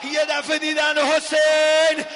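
A man leading a religious mourning gathering. He chants a lament, swinging between wailing shouts and hushed sung lines. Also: very high voice, completely flat delivery, over a noisy crowd, heavy background noise.

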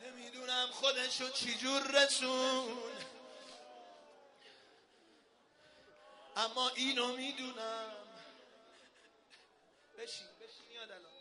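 A man leading a religious mourning gathering. He chants a lament, swinging between wailing shouts and hushed sung lines. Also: very high-pitched, slight background noise.

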